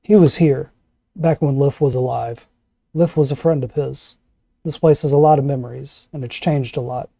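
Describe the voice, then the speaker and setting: A man's voice: medium pitch, steady tone, moderate pace, gravelly, warm tone, dry recording. A man casually narrating a tabletop role-playing game as game master.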